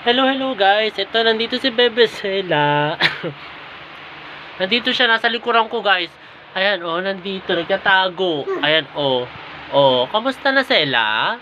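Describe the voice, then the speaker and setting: A man's voice: high-pitched, expressive, unhurried, pushed and bright. Chatty Filipino man vlogging at home. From Philippines. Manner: chatty, keeps addressing viewers as guys. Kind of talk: casual home vlog. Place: at home indoors. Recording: dull lo-fi audio with clear background noise.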